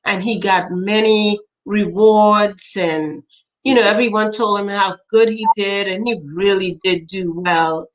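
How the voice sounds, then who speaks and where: An older woman from Trinidad, a poet being interviewed, telling family stories with lively quoted voices. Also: medium pitch, unhurried, low-quality recording. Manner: animated storyteller, acts out quoted voices, laughs often. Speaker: poet and author, interview guest. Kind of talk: storytelling in conversation.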